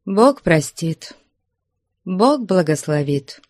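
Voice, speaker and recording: A woman's voice: mid-range voice, slow, no echo, studio quality, pitched above the performer's own voice. A woman reader voicing an imperious older abbess who speaks evenly and with authority in an audiobook. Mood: mild. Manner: even, commanding.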